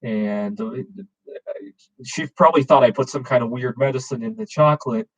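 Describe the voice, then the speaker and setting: A man's voice: medium pitch, normal speed, rough recording. A man in his forties hosting a casual open-camera chat, rambling with many fillers and restarts. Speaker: show host.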